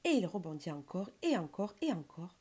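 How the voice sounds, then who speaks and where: A woman reading a children's bedtime story aloud in a gentle, expressive way. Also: fairly low pitch, fairly quick, breathy edge.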